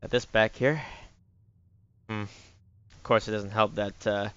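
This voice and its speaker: With a lowish, steady, clear and resonant voice that's a bit bright, a man streams a game, thinking aloud slowly as he plays. The audio is dull, and there's faint background noise along with clicking.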